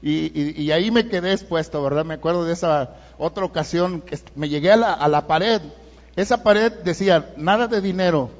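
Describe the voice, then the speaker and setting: A man's voice: a little high, normal speed. A middle-aged man with a Mexican accent preaching a sermon as pastor, chatting with the congregation and often adding "¿verdad?". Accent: Mexican Spanish. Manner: conversational preaching with frequent "¿verdad?" asides. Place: large church hall. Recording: dull church PA recording with long reverb.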